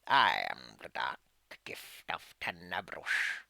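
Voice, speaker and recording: A man voicing an ancient, forgetful undead power in a low, cackling, whispery voice, as whispered role-play in a tabletop game. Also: huge pitch swings, slow, gravelly, sharp tone, exaggerated voice. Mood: sly, tempting.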